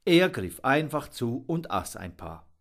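A man narrating a children's storybook aloud with expressive, dramatic pacing. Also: medium pitch, unhurried. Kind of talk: storybook reading.

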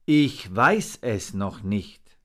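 A man reading a storybook aloud and voicing a gruff, wise old male raven with a rough voice and a commanding, stern manner. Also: mid-range voice, expressive, slow, a bit bright, pitched above the performer's own voice.

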